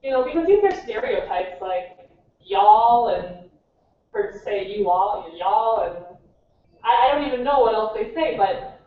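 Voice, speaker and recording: A young woman from Minnesota with a Minnesotan American accent, chatting and telling stories as a native English conversation partner, her voice animated and full of quoted asides. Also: on the high side. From Minnesota, United States. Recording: distant, tinny, echoey hall with faint noise.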